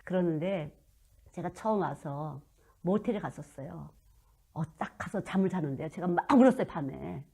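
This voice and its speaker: A woman in her fifties preaching a sermon and telling stories from her own life, moving between loud emphasis and hushed asides. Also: lowish voice, expressive, moderate pace, creaky, slightly rough. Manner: storytelling, swings from loud to hushed. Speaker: children's missionary preacher.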